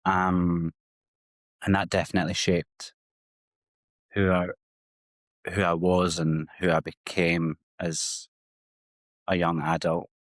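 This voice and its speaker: A man's voice: deep voice, flat delivery, slow, long pauses, no echo. A Scottish man from the west coast, a psychotherapist speaking openly and reflectively about his own past as a guest on an interview podcast. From Scotland. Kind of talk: candid personal interview.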